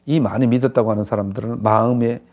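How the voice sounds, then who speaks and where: Older male pastor, gravelly and husky, mid-pitched, emphatic sermon delivery. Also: fairly even intonation, fast talker, darkish tone. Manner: emphatic preaching with rising outbursts and rhetorical questions.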